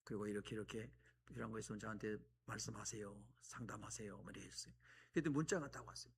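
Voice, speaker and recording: A middle-aged man preaching a sermon as a guest preacher, telling stories with sudden loud exclamations. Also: fairly low pitch, quick pace, vocal fry, slight background noise. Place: church sanctuary.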